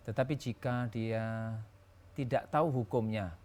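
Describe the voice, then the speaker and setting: A man's voice: on the low side, unhurried, a little mellow, slight background noise. A man teaching as a religious scholar on a talk show, patiently explaining rules with everyday examples.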